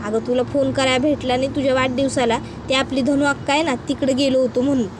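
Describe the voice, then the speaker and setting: A caring older sister from a village, voiced by a woman storyteller, who fusses over her sibling in a rustic dialect. The voice is high and close to the reader's own. A faint background hum runs underneath. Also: flat delivery, quick pace, natural voice. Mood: fond.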